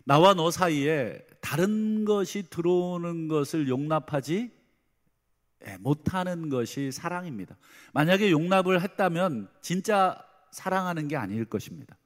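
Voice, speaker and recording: Male pastor, sermon delivery, slightly high voice, acts out quotes; long church reverb. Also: lively intonation, normal speed. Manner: addresses congregation with rhetorical questions. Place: church sanctuary.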